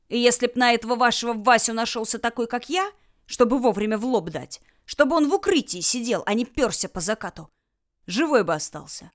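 A woman's voice: fairly high pitch, close to an everyday voice. A blunt, hot-tempered tough man who barks his words, voiced by a female audiobook narrator. His delivery is coarse and curt. The voice stays near the reader's own. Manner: barking, blunt. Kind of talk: audiobook character voice.

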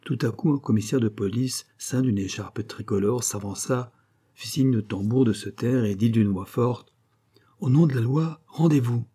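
A man reading a classic adventure novel aloud in measured, even scripted narration. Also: fairly low pitch, breathy edge. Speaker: audiobook reader.

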